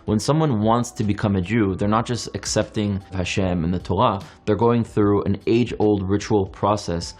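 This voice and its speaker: A young man born in France speaks in an earnest, reflective monologue. His deep, low voice moves through rhetorical questions and long, evenly paced lists. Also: fairly even intonation, moderate pace, few pauses, a little mellow.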